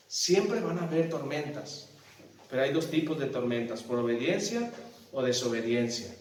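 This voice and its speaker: Pastor, lively preaching voice, slightly high, booming echo from a distant mic. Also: male voice. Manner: animated storytelling, asks the congregation questions. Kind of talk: sermon. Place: church hall. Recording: echoey church hall from far off.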